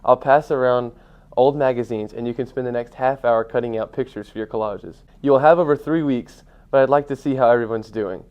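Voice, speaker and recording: A man's voice: medium pitch, fairly quick, natural voice. A young man voicing a patient male schoolteacher in a read-aloud storybook, in a plain reading voice. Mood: instructive. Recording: dull lo-fi sound.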